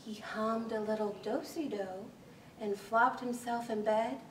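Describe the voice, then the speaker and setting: On the high side in pitch, a librarian in her thirties brings a rhyming picture book to life with animated, deliberate, rhythmic storytelling. She's indoors in a small library's children's corner, and a camera a few metres away makes the recording echoey and faintly hissy.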